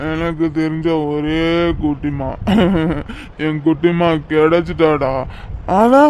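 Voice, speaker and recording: High-voiced drunk guy rambling and giggling, heartsick young businessman, man doing the voice in a cartoon. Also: takes it slowly, a little mellow. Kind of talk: cartoon voice acting.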